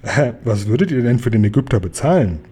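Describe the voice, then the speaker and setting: A man voicing a lazy, boastful male lion who grumbles in a mellow, husky voice. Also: mid-range voice, lively intonation, brisk. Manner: grumbling, growly.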